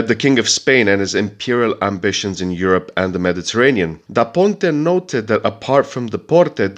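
Podcast host, male, lowish voice, nasal and stuffed up from a cold, measured scripted history narration. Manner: measured, reads with occasional fillers and restarts. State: has a heavy cold.

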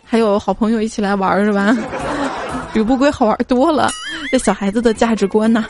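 A woman hosting a show, reading funny listener stories aloud, giggling often and putting on squeaky voices for the children in them. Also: fairly even intonation, brisk, music in the background, a crowd in the background. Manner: giggly, frequently breaks into laughter; acts out children's lines in a squeaky voice. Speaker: host.

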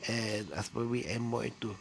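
A Filipino man whose first language is Tagalog hosts a solo podcast in English, rambling with lots of fillers and restarts. His voice sits at medium pitch with a level tone, normal speed, and some vocal fry.

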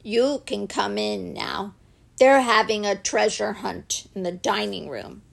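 A woman voicing a placid, polite male teddy bear in a children's story, speaking in a measured, gentle way. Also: mid-range voice, vocal fry, full character voice. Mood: calm, puzzled.

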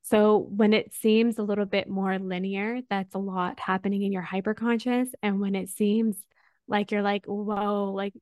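A woman talks in an animated, casual way, with frequent laughs and a habit of tagging "right?" onto her points. Her voice sits at an ordinary middle pitch. The recording is dry and close, with no room sound. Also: moderate pace, no room sound. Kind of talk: casual conversation.

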